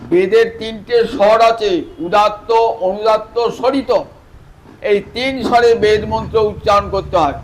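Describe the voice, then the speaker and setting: High-voiced man telling a scripture tale. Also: low-quality recording. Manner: animated storyteller who addresses listeners directly; swings from soft, slow phrasing to louder, emphatic bursts. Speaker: Vaishnava preacher. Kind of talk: devotional scripture storytelling sermon.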